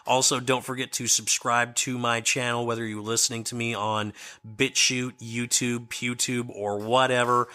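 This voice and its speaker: A man's voice: medium pitch, flat delivery, normal speed, pushed and bright, clear, resonant tone. A man hosting a solo podcast commentary, his voice scratchy and strained, often repeating and restarting words with a sardonic edge. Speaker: podcast host.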